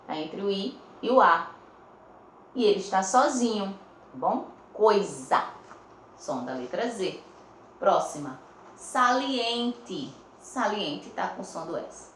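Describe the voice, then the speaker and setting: This is a female teacher with a Brazilian Portuguese accent and a voice on the low side, captured by phone in a reverberant setting with slight background noise. Her lesson for young pupils is slow, with words drawn out syllable by syllable and regular check-ins.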